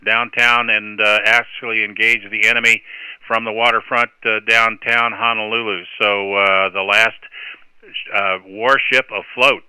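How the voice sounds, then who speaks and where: A man's voice: lowish voice, flat delivery, a little slow, pushed and bright, smooth, no echo, poor audio. A man working as an amateur radio net controller, speaking in courteous, procedural marine radio style with phonetic call signs.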